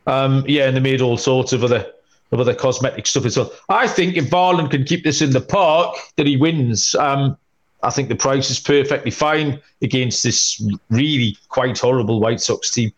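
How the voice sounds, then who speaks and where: A man hosting a sports betting podcast, talking in a middle-pitched voice. He runs through pitching stats and betting lines in relaxed chat, leaning on "um" and "uh" as he goes. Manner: brisk, reads stats with filler "um" and "uh". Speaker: podcast host.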